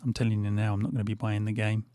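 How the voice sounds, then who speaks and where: Very fast and monotone, a middle-aged gaming channel host rambles through casual gameplay commentary as his voice goes, stumbling into fillers and restarts. His voice is on the low side with a warm tone. The recording is dry, studio quality, made on a desk mic while he wears headphones.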